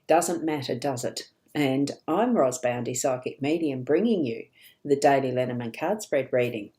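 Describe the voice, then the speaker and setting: Chatty female psychic host, low warm voice, rambling live card reading. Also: animated, normal speed. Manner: chatty, laughing, rambling asides. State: hiccups.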